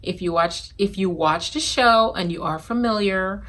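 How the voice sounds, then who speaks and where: A woman from Guyana talking casually to camera in an animated, sassy way, reviewing a reality TV show and giving her predictions. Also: mid-range voice, unhurried. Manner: animated and sassy, with bursts of laughter and scolding. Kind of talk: casual opinionated chat to camera.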